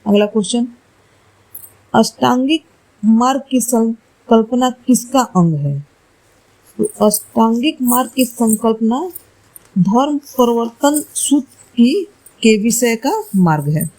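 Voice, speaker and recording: Slow, mellow-voiced woman teaching exam facts. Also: fairly high pitch, lively intonation, low-quality recording. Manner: slow, deliberate explaining, corrects herself aloud. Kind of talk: reading quiz answers for exam study.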